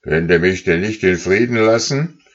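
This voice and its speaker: A stern old lead goose snaps out orders with little patience, as a man acts her out. The voice is husky and curt. The sound is a bit dull, like a storybook read onto an old recording. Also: low voice, lively intonation, unhurried, exaggerated voice. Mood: impatient. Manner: impatient, commanding.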